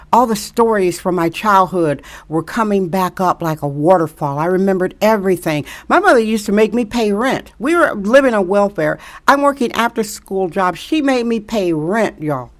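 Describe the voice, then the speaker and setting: A middle-aged woman from Wisconsin giving an emphatic, preachy monologue to camera, repeating rhetorical questions to press her point. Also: mid-range voice. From Milwaukee, Wisconsin. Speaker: social media commentator.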